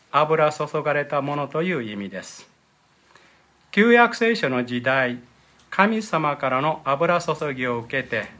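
A man giving a sermon as pastor, explaining Bible verses and their original words, often clearing his throat. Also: fairly high pitch, sharp tone. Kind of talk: sermon with scripture reading.

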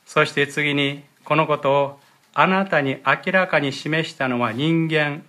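A man giving a sermon as pastor, explaining Bible verses and their original words, often clearing his throat. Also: fairly high pitch, measured pace, sharp tone. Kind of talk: sermon with scripture reading.

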